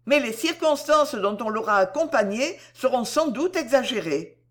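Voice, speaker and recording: A woman reading the part of a distressed, virtuous young heiress in a storybook, speaking softly, earnestly and with pain. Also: high-pitched, animated, normal speed, pitched above the performer's own voice. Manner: soft, earnest and pained. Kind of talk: audiobook character reading.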